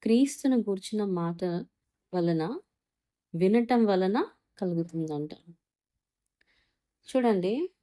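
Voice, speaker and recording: A woman giving an earnest devotional Bible talk, speaking straight to the listener and reading verses slowly. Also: medium pitch, expressive, warm tone.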